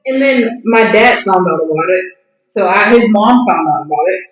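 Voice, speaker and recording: A young woman telling a funny story on a podcast, animated and laughing often. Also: mid-range voice, moderate pace. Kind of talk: casual comedic storytelling. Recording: echoey room.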